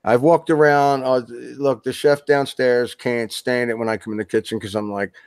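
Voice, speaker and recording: A man's voice: medium pitch, little pitch movement, normal speed, clean tone, dry recording, studio quality. A man being interviewed as a guest author, talking in a loose, rambling way with many restarts. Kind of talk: casual interview chat.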